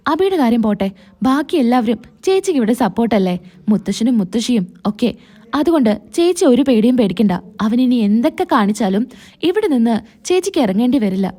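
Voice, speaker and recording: A woman's voice: a little high, lively intonation, brisk, mellow. A woman reading the lines of a caring younger sister-in-law, coaxing and soothing.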